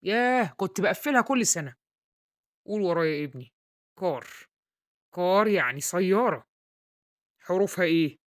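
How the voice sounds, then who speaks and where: Putting on an Egyptian Arabic accent for a comedy sketch, a woman portrays a blustering, pompous father who tutors his son, insults him, and garbles English words. Her fairly low voice is expressive and lightly acted, a little fast, with long pauses.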